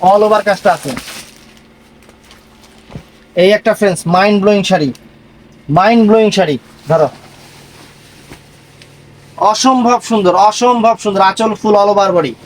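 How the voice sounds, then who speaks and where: Male online seller, high-pitched, emphatic repetitive live pitch. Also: slight background noise, low-quality recording.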